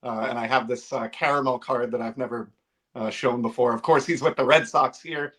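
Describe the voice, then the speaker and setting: A man co-hosting a casual podcast in a middle-pitched voice. He talks in a halting way, filling gaps with "uh" as he goes. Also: steady tone, a bit bright. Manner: hesitant, many "uh"s. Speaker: podcast co-host.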